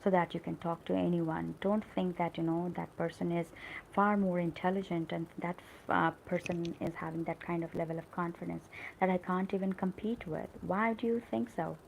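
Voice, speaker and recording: A middle-aged woman with an American-tinged accent teaches English in an earnest, encouraging live-stream talk, often pausing on "uh" and "you know". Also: fairly low pitch, creaky, darkish tone, a little hiss or hum, low-quality recording. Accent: American-tinged English learned in call centers.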